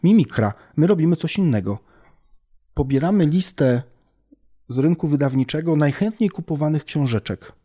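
A man, a language researcher, explaining his work in a relaxed conversation with homely examples and frequent thinking-aloud fillers. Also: on the high side, normal speed. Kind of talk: casual expert conversation.

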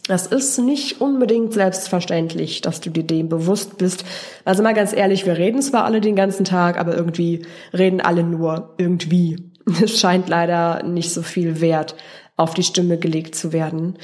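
A woman's voice: lowish voice, a little mellow. A woman hosting a podcast as a voice coach, talking straight to the listener in an encouraging way and putting questions to them. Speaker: voice and speaking coach, podcast host. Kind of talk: podcast monologue addressing the listener.

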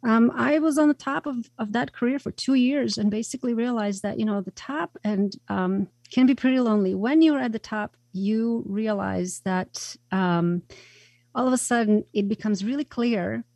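A Croatian-born woman speaking as a radio guest, earnest and reflective, often pausing on fillers. Her voice is gravelly and mellow. The recording is close and dry. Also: on the high side, no room sound. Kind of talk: interview.

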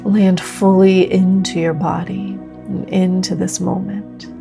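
A woman leading a guided meditation like a sleep story narrator, speaking gently and slowly with long pauses. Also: medium pitch, level tone, gravelly. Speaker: meditation teacher leading a group practice. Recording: new-age music under the voice. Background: soft new-age music.

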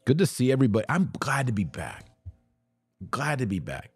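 With a husky, sing-song, medium-pitched voice and a brisk pace, a middle-aged American man runs a casual livestream, reading and answering comments from his live audience as a podcast host. He's emphatic and opinionated, repeating short phrases often. There's no room sound, though faint music plays behind him.

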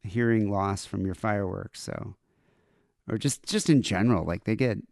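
A man's voice: lowish voice, moderate pace, gravelly, darkish tone, dry recording, clean studio sound. A man hosting a podcast in casual, rambling chat with lots of fillers. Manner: laid-back, rambling with fillers. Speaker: podcast host.

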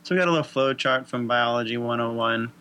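A man's voice: medium pitch, quick pace, pushed and bright, clear, resonant tone. A man co-hosting a health talk, walking step by step through how digestion works in a casual, lightly joking way. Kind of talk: casual explanatory chat.

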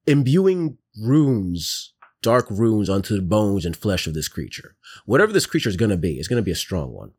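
Husky-voiced man narrating a game. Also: on the low side, very animated, moderate pace, darkish tone. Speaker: game master.

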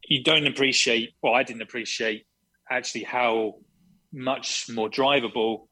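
Man, husky voice, average pitch, racing driver on a remote interview, enthusiastic. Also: steady tone, unhurried, pushed and bright, low-quality recording. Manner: enthusiastic, smiling as he talks. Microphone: remote call, audio only.

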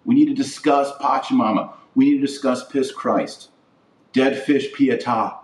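A middle-aged man hosting a podcast delivers emphatic opinion commentary in short declarative phrases he repeats for stress. His medium-pitched voice is steady and unhurried. He's on a webcam setup, sounding distant from the microphone with roomy echo.

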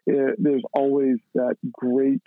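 A man's voice: mid-range voice, flat delivery, takes it slowly, no room sound. A man co-hosting a casual podcast, explaining things at length in a thoughtful way with many fillers. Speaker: podcast co-host. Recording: tinny phone-like line.

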